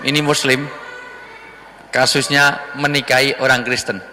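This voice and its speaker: A man's voice: little pitch movement, a little slow, bright, forceful tone, a little hiss or hum. A man preaching a sermon in speech, telling stories and acting out their characters' voices. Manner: acts out story voices, jumping much higher for exclaiming characters. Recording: long hall reverb.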